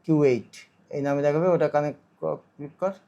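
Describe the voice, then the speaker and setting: A man with a slightly high, dark, creaky voice talks briskly and fairly evenly while demonstrating a product installation. His casual vlog tutorial proceeds step by step with repeated phrases, and the highs in the audio are cut off.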